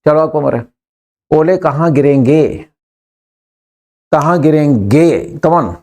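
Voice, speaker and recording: A man's voice: a little high, slow pace, dark tone. A man teaching in a classroom, drilling his students on sentences and coaxing them to answer and repeat. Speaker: English teacher.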